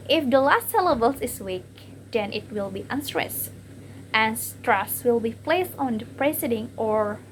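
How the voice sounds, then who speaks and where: Slow, hesitant young woman. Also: on the high side, a little hiss or hum. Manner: hesitant, repeats each example word, frequent fillers. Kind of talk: class presentation on word stress.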